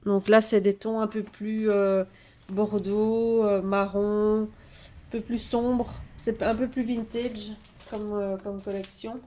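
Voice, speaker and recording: Her voice is mid-range and mellow with a flat delivery as she presents her scrapbooking haul in a relaxed video. She talks slowly and haltingly, using many fillers, and there's slight background noise.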